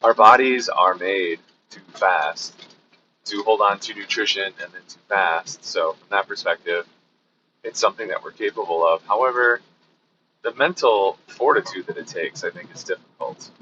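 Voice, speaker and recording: A middle-aged man with a hoarse, sick voice, giving a rambling, casual daily vlog update with fillers and restarts. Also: on the low side, normal speed, pushed and bright, highs cut off, a little hiss or hum. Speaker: vlogger.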